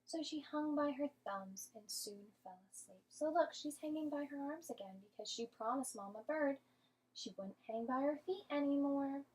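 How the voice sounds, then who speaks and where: A female teacher reads a storybook aloud to young children in an interactive way, expressive and patient, frequently asking questions and explaining. Her voice is slightly high, and the recording is rough.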